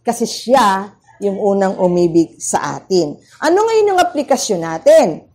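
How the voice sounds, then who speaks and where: A woman with a Filipino accent preaching a devotional at a prayer meeting, telling stories with lively rises and drops. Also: mid-range voice, unhurried, husky. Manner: animated storytelling with sudden rises and drops. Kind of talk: devotional sermon.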